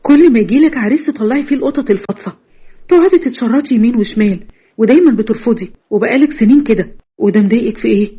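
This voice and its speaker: A woman's voice: fairly high pitch, lively intonation, rapid-fire, breathy edge, muffled recording. Woman playing a pushy Egyptian younger sister. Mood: insistent. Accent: Egyptian Arabic. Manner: insistent, frantic.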